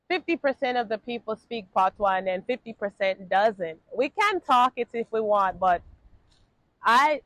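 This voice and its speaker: A woman's voice: medium pitch, fairly bright tone, no echo. Chatty Jamaican-born woman with an American accent. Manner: chatty, many fillers, laughs often. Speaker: travel vlogger. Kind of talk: casual talk to camera. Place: Ghana.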